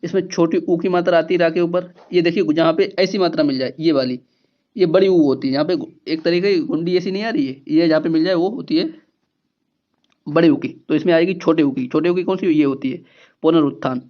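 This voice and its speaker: A man's voice: fairly high pitch, fairly quick, highs cut off. A man teaching a grammar lesson for exam preparation, explaining step by step and repeating key words with rhetorical questions.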